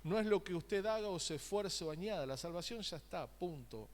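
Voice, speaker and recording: A man's voice: high voice, expressive, fairly quick, in a large hall, a little hiss or hum. A man preaching a sermon, asking the congregation questions and making joking asides. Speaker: pastor. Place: church sanctuary.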